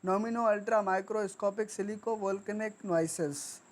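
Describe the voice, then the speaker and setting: A woman teaching grammar. She speaks deliberately and repeats each word for dictation. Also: mid-range voice. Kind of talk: classroom lesson.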